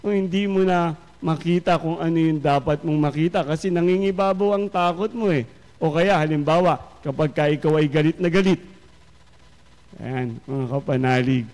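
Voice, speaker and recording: A man with a Filipino accent giving a Sunday homily, speaking slowly and reflectively and often addressing his listeners. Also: fairly high pitch, darkish tone. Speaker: priest. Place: large church. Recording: long church reverb.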